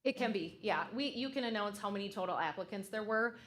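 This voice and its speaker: A woman's voice: medium pitch, animated, a little fast. A woman consultant presenting to a school board at a public meeting, conversational and loose, with frequent fillers and restarts.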